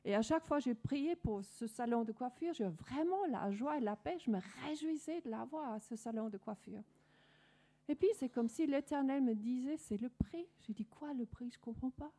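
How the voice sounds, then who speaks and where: Danish lady telling her faith story in french-accented way, earnest, lots of restarts, warm mellow tone. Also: sits high, moderate pace. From Denmark. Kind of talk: personal testimony.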